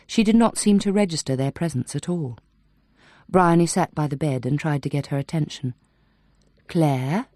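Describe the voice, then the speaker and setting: A woman narrating a novel in a measured, even storytelling manner. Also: deep voice, no echo, clean studio sound. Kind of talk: audiobook narration.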